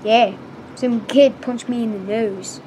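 A woman's voice: on the high side, steady tone, unhurried, warm tone, slight background noise, close to an everyday voice, poor audio. A girl voicing a newly aged-up baby boy who talks in a put-on Australian accent, laid-back and teasing. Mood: casual. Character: cheeky male baby aged to ten, Australian.

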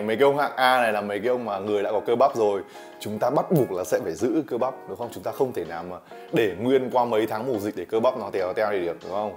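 A man's voice: mid-range voice, a little mellow. A man in his thirties, a fitness YouTuber, chatting animatedly to camera in a home gym room, gesturing a lot and teasing viewers. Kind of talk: casual talk to camera.

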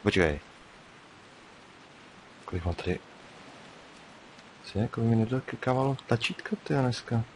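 An animated young man with a medium-pitched voice narrates his gameplay in a casual, chatty style, muttering to himself and leaving long pauses. The recording is rough and has a faint hiss.

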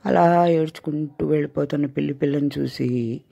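An older woman telling a children's story as a grandmother, in a gentle, coaxing tone. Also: low-pitched, moderate pace, gravelly. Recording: dull lo-fi recording.

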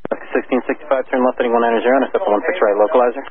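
Rapid-fire male controller over staticky radio. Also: mid-range voice, fairly even intonation. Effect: aircraft radio with static. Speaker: approach air traffic controller. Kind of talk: clipped radio air traffic instructions. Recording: narrow radio band with faint static.

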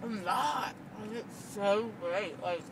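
A woman's voice: medium pitch, takes it slowly. A young woman chatting giddily and loopily, her speech slurred by a numb mouth stuffed with gauze after dental surgery. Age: young adult. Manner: loopy, giddy rambling. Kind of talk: casual chat. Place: inside a car. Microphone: handheld phone in the car, a little away. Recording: distant car recording with road noise.

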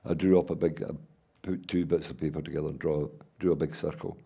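An older Scottish man telling rambling stories full of halting restarts, as the guest in an onstage conversation before an audience. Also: very deep voice, steady tone, creaky, mellow, slightly rough. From Scotland. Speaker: guest artist and playwright. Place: event hall before an audience.

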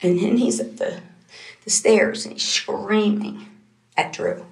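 A young woman questioned by police in an interrogation room, recounting a night at home in a halting, distraught way. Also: medium pitch, steady tone, vocal fry, roomy sound. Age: young adult. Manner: halting and distraught, voice rising as she talks. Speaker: suspect under police questioning.

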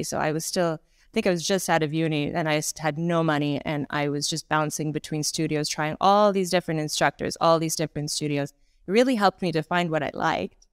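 On a video call from a room at home, a Pilates instructor in her thirties with a Canadian accent chats as a guest in a casual interview, gesturing animatedly and using lots of fillers. Her voice is low-pitched and smooth, and the recording is dry and clean like a studio.

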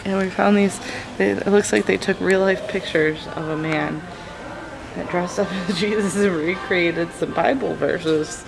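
A woman's voice: lowish voice, fairly even intonation, a little slow, gravelly, over music. A young woman with an upstate New York accent, chatting casually as a vlogger into a handheld camera. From upstate New York, USA. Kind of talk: casual vlog chat. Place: car, outdoors and busy large shops. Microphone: handheld camera at arm's length. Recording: noisy handheld camera with surrounding ambience.

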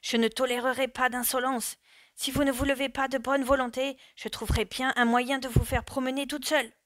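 A woman reading the part of a rough, violent Prussian army officer, giving curt and commanding orders in a raised voice. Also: mid-range voice, normal speed, no room sound, clean studio sound, natural voice. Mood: harsh, commanding.

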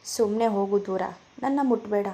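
A woman voicing a sensitive young newlywed wife who speaks softly and sulks when hurt, in a storybook reading. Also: mid-range voice, normal speed, natural voice. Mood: annoyed. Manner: soft, hurt, sulking.

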